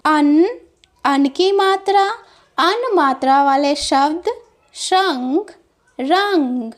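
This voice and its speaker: A woman gives a grammar lesson for children in a very high voice. She speaks slowly and patiently and draws out each example word so it can be heard clearly. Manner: slow, patient, explains with drawn-out examples. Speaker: teacher.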